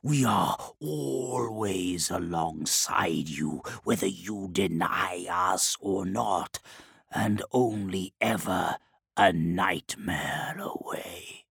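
A man reading an audiobook voices an ancient male demon who possesses a knight, speaking in slow, hissing, whispered threats with a gravelly, breathy sound. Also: low-pitched, fairly bright tone, no room sound, clean studio sound, pitched below the performer's own voice, heavily acted. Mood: menacing. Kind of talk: audiobook character voice.

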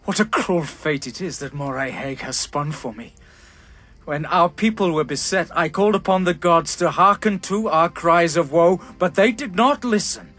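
A man voicing an ancient elf king whose calm, sharp anger swells into shouts, in a dramatized fantasy audiobook. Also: medium pitch, measured pace, slightly rough, soft background music. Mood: grim anger. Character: ancient elf king, grief-stricken, raging, proud.

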